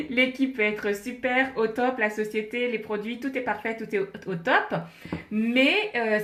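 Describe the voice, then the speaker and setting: Woman, MLM coach live on a handheld phone, chatty and upbeat, higher voice, echoey home office. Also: a bit bright. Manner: chatty, laughs often, greets viewers by name. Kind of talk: casual live-stream chat with viewers. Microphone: phone held in hand.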